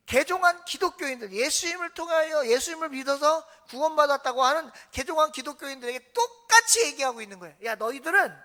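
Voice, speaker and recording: Woman pastor, high bright voice, call-and-answer sermon style. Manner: asks the congregation questions and answers them herself. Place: church sanctuary.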